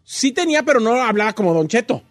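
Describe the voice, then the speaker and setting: A man's voice: very high-pitched, sing-song, fast talker. A man co-hosting a radio show, chatty and gossipy, insistent as he explains diction classes. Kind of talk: casual radio banter.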